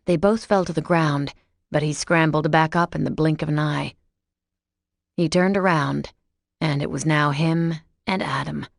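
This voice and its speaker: A woman reading a first-person romance audiobook in a steady, measured way. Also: low voice, creaky, no echo, studio quality. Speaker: audiobook narrator.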